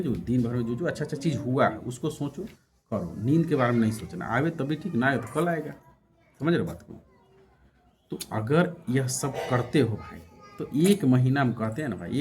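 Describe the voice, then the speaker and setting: Bihari man giving casual advice. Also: medium pitch. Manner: conversational, keeps adding "bhai" and "hai na". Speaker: channel host. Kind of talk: casual advice talk to viewers.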